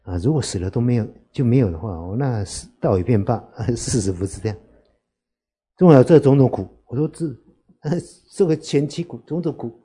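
A man, a Buddhist monk, giving an unhurried dharma talk to lay listeners, often asking rhetorical questions. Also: mid-range voice, lively intonation, dark tone, slightly rough.

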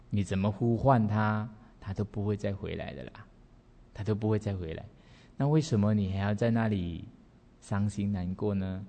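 A man's voice: fairly low pitch, warm tone, natural voice. A man voicing a wise heavenly boy. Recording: reverberant hall.

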